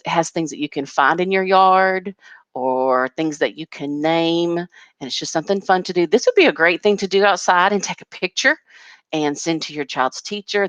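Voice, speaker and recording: A woman's voice: deep voice, clear, resonant tone, no room sound. A woman kindergarten teacher patiently walking parents through a home learning packet, step by step.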